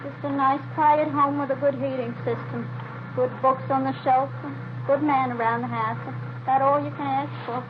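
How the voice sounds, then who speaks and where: In a 1940s-50s style radio crime drama, an actress plays a plain-spoken older neighbor who is chatty, matter-of-fact, wistful and complaining. Her voice sits high with fairly even intonation, a moderate pace and an everyday quality. The vintage recording is noisy and dull.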